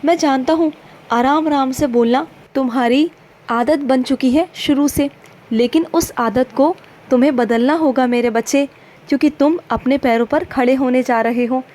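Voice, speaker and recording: A woman voicing a gentle, fatherly male saint who counsels his devotees in a tender, instructive devotional message, calling them "my child" again and again. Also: high voice, fairly even intonation, moderate pace, lightly acted. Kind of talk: devotional first-person message.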